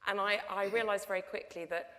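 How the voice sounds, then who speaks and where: This panel guest, a middle-aged documentary producer, has a mid-range, fairly bright voice with a steady tone and a brisk pace. Her anecdote comes out chatty and full of restarts. The lecture hall setting before an audience gives the recording a long reverb.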